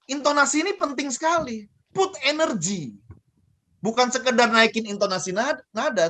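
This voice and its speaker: A man giving a lively coaching talk on communication, asking and answering his own questions and repeating key phrases. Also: very high-pitched. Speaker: guest speaker on communication.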